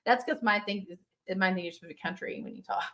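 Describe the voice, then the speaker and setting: A woman's voice: medium pitch, fast, fairly bright tone. A middle-aged American woman hosting a podcast, chatty and playful, laughing often in casual conversation. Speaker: podcast host. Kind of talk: casual chat.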